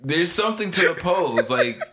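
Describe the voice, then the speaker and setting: A man's voice: a little high, expressive, normal speed, very noisy. A man in a casual podcast chat, talking as a co-host in an informal, slangy, sweary way.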